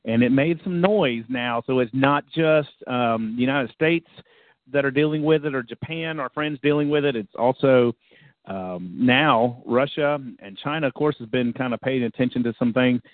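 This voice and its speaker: A man's voice: mid-range voice, normal speed, no room sound. A man co-hosting a casual radio show, rambling and chatty with many fillers. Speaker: co-host. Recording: dry, phone-like lo-fi sound.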